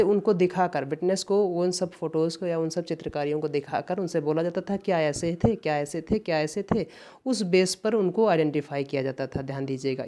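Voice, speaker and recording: Mellow-voiced male tutor explaining answers. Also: fairly high pitch. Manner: repeats words and spells them out letter by letter; asks and answers his own questions. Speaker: English exam tutor. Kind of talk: exam-prep lesson explaining answers.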